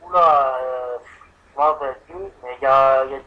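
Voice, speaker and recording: Pretending to be a muddled insurance customer, a man makes an improvised prank phone call full of rambling and hesitation. He speaks at a normal speed in a mid-range voice.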